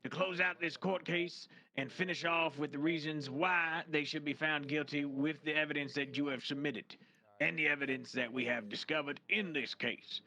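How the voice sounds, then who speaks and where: A man's voice: on the high side, steady tone, normal speed, bright, forceful tone. A man roleplaying a judge in a game courtroom, brash, profane and commanding.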